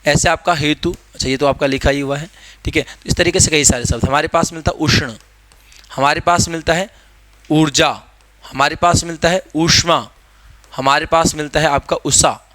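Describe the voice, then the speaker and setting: A man talks students through exam questions with an emphatic, energetic delivery. His voice is bright and forceful and sits a bit high for a man. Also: moderate pace, no echo. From India. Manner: explains step by step, lively and emphatic. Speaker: teacher. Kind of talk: exam-prep lesson.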